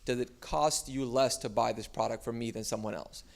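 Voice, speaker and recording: A man's voice: medium pitch, moderate pace, creaky. Man giving a loose, conversational talk. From Miami, United States. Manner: relaxed, loose delivery with frequent "uh" and restarts. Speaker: startup founder giving a talk. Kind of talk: conference talk.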